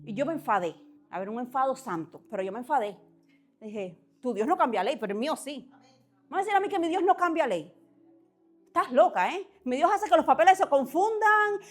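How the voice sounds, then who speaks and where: A woman delivers a sermon in a bright, high voice. She preaches with passion, swinging from quiet, measured pauses to loud, urgent exhortations.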